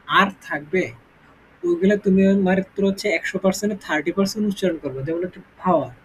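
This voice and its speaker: A man teaching English pronunciation in an informal spoken lesson, explaining slowly and often checking in with the student. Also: high voice, slightly rough, low-quality recording.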